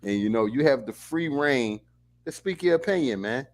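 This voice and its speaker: A man's voice: medium pitch, animated, moderate pace. A man hosting a casual fan post-game show, talking emphatically and playfully. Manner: emphatic, playful, talks over others. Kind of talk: casual sports chat.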